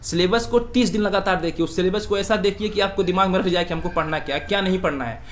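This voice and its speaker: A young man with a slightly high voice answers an interviewer earnestly and politely. He gives steady advice, and faint ambient noise sits behind him. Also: fast talker. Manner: earnest, advice-giving, addresses interviewer as sir. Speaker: exam aspirant being interviewed.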